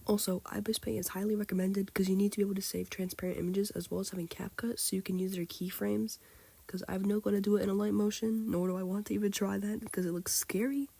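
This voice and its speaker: A sick teenage girl with a hoarse, childlike-sounding voice, rambling casually through a drawing tutorial with lots of fillers. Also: mid-range voice, mellow, no room sound. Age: teens. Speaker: tutorial maker. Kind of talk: casual screen-recorded tutorial.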